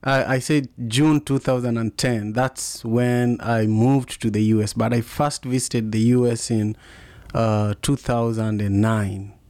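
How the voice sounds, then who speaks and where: A man's voice: medium pitch, fairly even intonation, measured pace, darkish tone, no room sound. Kenyan-accented man hosting, close dry sound. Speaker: podcast host. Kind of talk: casual conversational interview.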